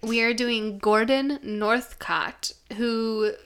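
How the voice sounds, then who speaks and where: A woman co-hosting a podcast in casual chat, chiming in with quick, enthusiastic reactions. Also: fairly high pitch, steady tone, fairly bright tone, clear, resonant tone. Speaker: podcast co-host.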